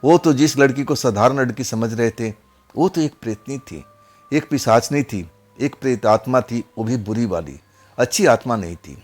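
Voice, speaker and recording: A man's voice: mid-range voice, moderate pace, faint music behind. Man telling a ghost story conversationally. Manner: conversational, repeats phrases. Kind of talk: spoken horror story narration.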